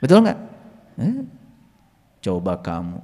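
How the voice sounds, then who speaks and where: A man teaching a religious lesson in sermon style, firing rhetorical questions at his listeners and reciting Arabic verses slowly and drawn out. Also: low voice. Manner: lively, fires rhetorical questions at the audience. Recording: long reverb, hall-like room.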